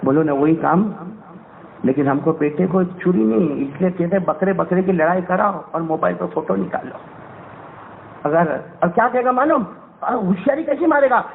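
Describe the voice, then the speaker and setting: High-voiced man preaching a fiery sermon. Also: gravelly, slight background noise. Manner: emotional, swings from hushed to shouting, quizzes the audience. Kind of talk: dramatic sermon storytelling. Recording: tinny phone-like recording.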